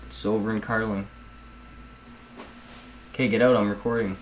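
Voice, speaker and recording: A young man with a fairly low voice talks through his editing steps at home in a chatty, meandering way. He drifts off topic and keeps turning to his viewers. A faint hiss sits under the voice. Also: flat delivery, moderate pace, lo-fi sound. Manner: rambling, chatty, keeps addressing viewers as guys. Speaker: video editing tutorial host. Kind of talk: casual screen-recorded tutorial.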